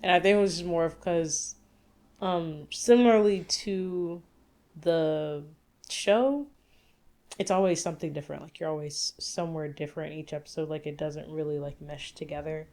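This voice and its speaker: This gaming podcast co-host has a deep, slightly mellow voice and a moderate pace. In a casual chat, she explains things at length and leans heavily on fillers.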